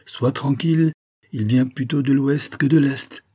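A man reading a novel aloud, voicing a sly, mocking nobleman who speaks calmly and sneers. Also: mid-range voice, measured pace, husky, pitched above the performer's own voice. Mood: cold. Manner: cool and sneering.

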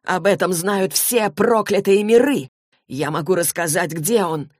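A captive demon in the form of a young man, read by a woman in an audiobook, sullen and then pleading for his life. The voice sits low and dry. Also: moderate pace, a little mellow, no room sound. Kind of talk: audiobook reading.

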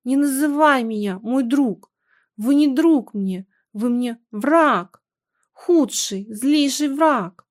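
A woman reading aloud, voicing a tormented, hysterical young wife in shrill, anguished outbursts. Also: fairly even intonation, takes it slowly, fairly bright tone, no echo, clean studio sound. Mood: furious.

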